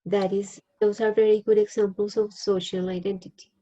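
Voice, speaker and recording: A woman's voice: medium pitch, little pitch movement, brisk, mellow, lo-fi sound. A woman teacher with a Colombian Spanish accent, a native Spanish speaker leading a class discussion.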